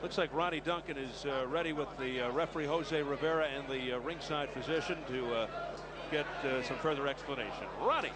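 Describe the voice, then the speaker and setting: A man's voice: fairly high pitch, brisk. A man doing live sports commentary as the play-by-play caller at a fight. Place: ringside in a busy arena. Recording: loud arena crowd and noise.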